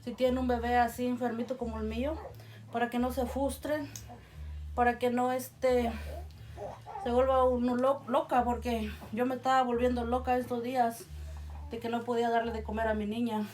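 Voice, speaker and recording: A woman, a mother, talking casually to the camera at home while gently coaxing her baby to feed, filmed on a phone someone else holds. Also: on the high side, level tone, normal speed. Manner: soft coaxing, repeats endearments to the baby. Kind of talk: casual home video talk. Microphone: phone held by someone else.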